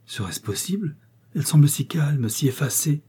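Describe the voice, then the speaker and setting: A man voicing a timid, gentle young princess who speaks softly and pleadingly in an audiobook. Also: fairly high pitch, lively intonation, moderate pace, slightly rough, pitched above the performer's own voice.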